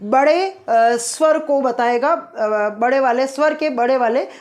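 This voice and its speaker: A woman's voice: high-pitched, slow. A woman teaching phonetic symbols, who asks her students questions, answers them herself and draws out sounds to demonstrate them. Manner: repeats key points as quiz questions and answers them. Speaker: English teacher.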